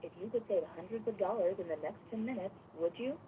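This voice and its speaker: A woman's voice on an automated recorded phone message, reading a scripted telephone menu in an even, announcer-like way. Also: mid-range voice, fast talker. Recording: tinny, noisy phone line.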